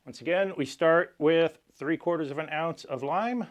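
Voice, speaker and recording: A man hosting a cocktail tutorial, explaining each step in a measured, instructional way. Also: on the high side, lo-fi sound. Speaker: cocktail channel host. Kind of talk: cocktail recipe tutorial presentation.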